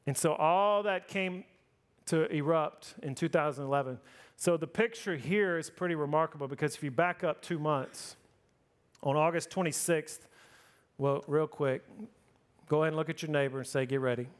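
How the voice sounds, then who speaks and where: A forty-something preacher, voice a touch higher than typical for a man, shapes his sermon around his own experiences at a normal pace. He keeps it casual, jokes at his own expense, and repeatedly asks the crowd "right?"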